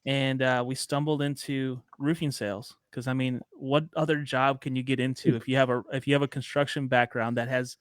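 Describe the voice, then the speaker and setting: Chatty man from Chicago, smooth voice. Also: mid-range voice, brisk, few pauses, dry recording, clean studio sound. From Chicago, USA. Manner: chatty, storytelling, relaxed slang. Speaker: podcast guest. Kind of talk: casual podcast conversation.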